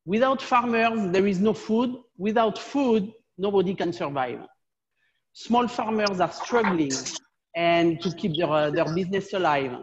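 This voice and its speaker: A woman hosting a video fundraiser, giving halting opening remarks with many pauses and fillers. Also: mid-range voice, big-room sound, lo-fi sound.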